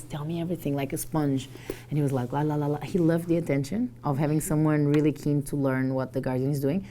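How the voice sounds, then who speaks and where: A woman gives a motivational talk, her voice sitting low in pitch. She tells her story with animated, acted-out dialogue, and faint noise runs under the recording. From Portugal. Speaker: guest speaker.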